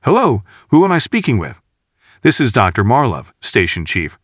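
A man reading the part of a male station chief scientist in an audiobook, explaining things in a calm, measured way. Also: medium pitch, no room sound, clean studio sound.

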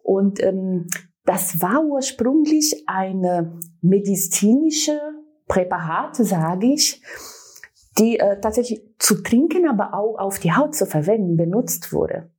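Slow and expressive, this woman's husky, darkish, mid-range voice carries a Brazilian accent. She's from Brazil, a native Portuguese speaker and brand manager, appearing as a talk show guest and speaking enthusiastically with lots of fillers.

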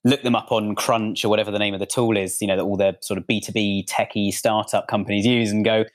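A man's voice: fairly low pitch, steady tone, fast talker. A man hosting a podcast, chatting casually and drawing on his own business. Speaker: podcast host.

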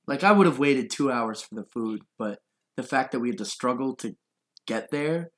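A young man in casual podcast chat, telling a long story in loose, rambling sentences. His voice sits at an ordinary mid pitch, and he laughs easily as he goes. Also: lively intonation, normal speed, fairly bright tone. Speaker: podcast host.

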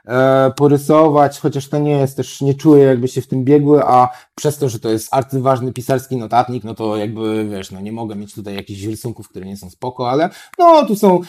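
A man's voice: mid-range voice, flat delivery, fairly quick, few pauses, a little mellow. A man chatting as a guest writer, talking in a hesitant, rambling way with many fillers and tag questions. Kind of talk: casual chat.

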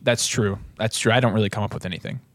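A man's voice: fairly low pitch, fast talker, dry recording. Young man joking on a podcast. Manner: joking, rambling, teasing. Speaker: podcast co-host. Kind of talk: casual chat.

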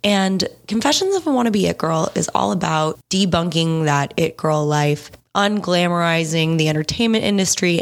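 Young woman w vocal fry, chatty podcast host, says like a lot, super casual. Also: on the low side. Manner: chatty, peppered with "like".

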